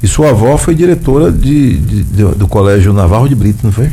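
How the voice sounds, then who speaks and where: A man's voice: fairly low pitch, expressive, fairly quick, warm tone. A man hosting a radio talk show, chatty and folksy, often tagging his sentences with a questioning "né". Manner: chatty and folksy, tags lines with "né?". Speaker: radio host.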